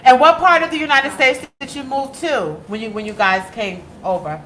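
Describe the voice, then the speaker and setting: A woman's voice: high-pitched, moderate pace, pushed and bright, a little hiss or hum. A woman radio host who interviews her guest in an enthusiastic, slangy, effusive way.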